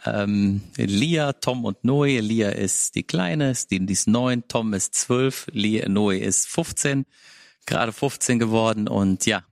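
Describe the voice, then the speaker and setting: A man in his mid-forties with a lowish voice introduces himself, pausing to correct his own words. The recording is dry and close. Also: gravelly, dry recording. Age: 40s. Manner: self-correcting, filler sounds. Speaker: panel guest.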